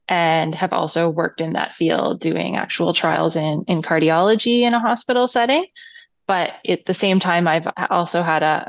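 Woman student panelist, lower voice, thoughtful and measured; dry, dull remote sound. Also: no echo. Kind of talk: podcast interview answers.

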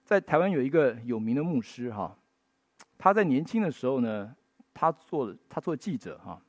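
A man's voice: mid-range voice, sing-song, normal speed, dry recording. A man preaching a sermon in Mandarin, telling stories with folksy tag particles and rising to emphatic bursts. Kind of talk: sermon with storytelling.

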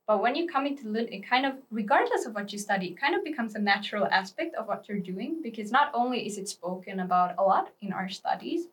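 A young woman from Finland, a student guest on a podcast, explaining her views in a thoughtful, steady way. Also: medium pitch, far from the mic. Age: young adult. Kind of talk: casual interview talk.

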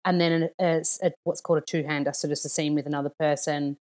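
Lively young woman, chatty. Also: low-pitched, quick pace. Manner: animated, enthusiastic storytelling. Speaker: actor and podcast guest. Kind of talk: casual chat.

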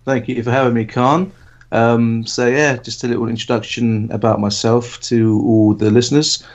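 A man's voice: medium pitch, normal speed. Thirtysomething guy from england chatting on a podcast, lots of ums, kinda muffled recording. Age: 30s. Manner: relaxed, rambling with many fillers. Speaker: podcast co-host. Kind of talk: casual chat. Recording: dull lo-fi audio.

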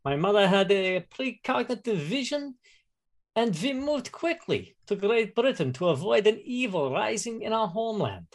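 A man's voice: sits high, vocal fry, pitched above the performer's own voice, full character voice. A man voicing a young man from a psychic family who speaks stiff, formal, slightly broken English with a German flavor. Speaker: tabletop player.

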